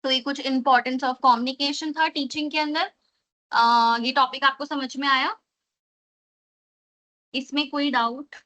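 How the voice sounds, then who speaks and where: A woman teacher trainer giving a lecture, explaining in Hindi mixed with English, often adding "theek hai" and reading definitions slowly from a slide. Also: high voice, bright, forceful tone, rough recording.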